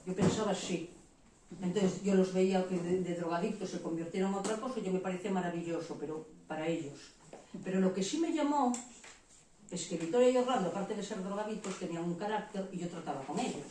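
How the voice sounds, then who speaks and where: A Spanish woman preacher gives a testimony sermon, speaking frankly and with animation and slipping into the voices of the people she quotes, herself included. Her voice is lowish and brisk, echoing heavily through a church hall and sounding distant from the mic over a faint room hum.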